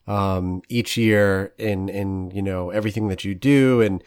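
A man's voice: lowish voice, a little mellow. A man hosting an interview podcast, enthusiastic and rambling, laughing often with his guest. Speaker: podcast host. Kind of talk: casual interview chat.

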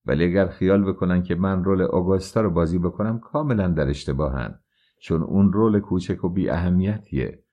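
A man's voice: sits low, highs cut off. A man voicing a proud, defiant young actress and courtesan in an audiobook, speaking frankly and with scorn. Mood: proud, scornful.

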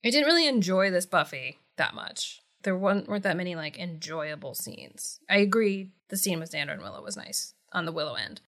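A woman co-hosting a podcast in casual chat, animated and teasing, laughing often. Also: on the low side, a little fast, hardly any pauses. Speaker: podcast co-host.

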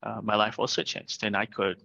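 A middle-aged Vietnamese startup founder, appearing as a guest in a remote interview over video call, speaks earnestly and often tacks on "right?". His voice is fairly low and sharp, with vocal fry and a completely flat delivery at a moderate pace. The call audio sounds dull and lo-fi.

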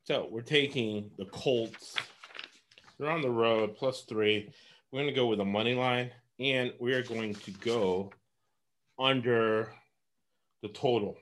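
A man's voice: medium pitch, takes it slowly, fairly bright tone, a little hiss or hum. A man from Los Angeles giving casual sports betting picks, rambling and laughing often.

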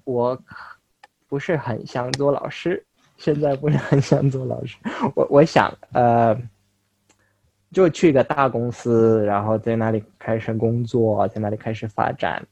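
A young man from Russia, a native Russian speaker, talks casually as an interview guest in foreign-accented Mandarin, halting and correcting himself. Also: mid-range voice, fairly even intonation, creaky, darkish tone. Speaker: interview guest, language learner.

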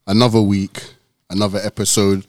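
A man's voice: fairly low pitch, flat delivery, moderate pace, darkish tone, dry recording. London man hosting, dry close sound. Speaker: podcast host. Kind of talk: casual podcast hosting.

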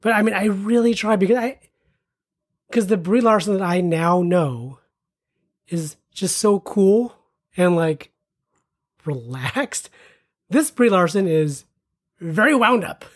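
Man, podcast co-host, casual chat, husky tone, hesitant and rambling. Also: high voice, animated, slow pace, pauses often. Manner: rambling, hesitant, laid-back.

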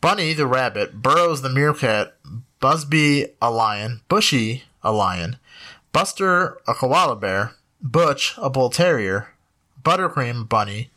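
A man's voice: medium pitch, expressive, unhurried, sharp tone. A man co-hosting a casual podcast, rattling off a long list of names between laughs. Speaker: podcast co-host.

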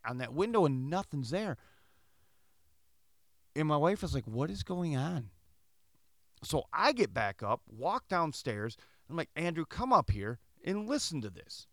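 Animated middle-aged man telling a story. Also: mid-range voice, no echo, studio quality. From Michigan. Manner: animated, acts out dialogue in quoted voices. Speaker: podcast host. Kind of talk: casual storytelling monologue.

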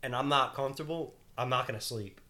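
Young man, podcast co-host, bright and forceful voice, profane, laughing. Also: mid-range voice, quick pace. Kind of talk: casual storytelling chat.

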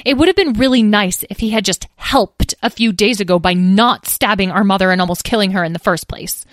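A woman's voice: medium pitch, a little fast, no echo, studio quality, lightly acted. A woman reading a storybook, voicing a sarcastic, protective young female pony. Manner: sarcastic, indignant.

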